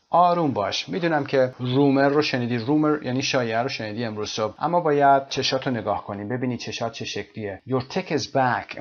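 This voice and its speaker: A man teaching an English lesson, repeating phrases slowly and then explaining them. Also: medium pitch, highs cut off. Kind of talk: language lesson explaining a text.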